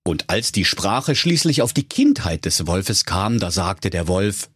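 Husky-voiced male storyteller. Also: deep voice, very animated, unhurried, fairly bright tone, dry recording, clean studio sound. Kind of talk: comic storybook narration.

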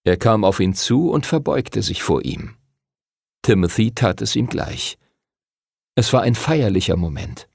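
Male storybook narrator, gravelly and dry, lively intonation. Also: on the low side, a little slow, no room sound. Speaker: audiobook narrator. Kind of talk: scripted narration.

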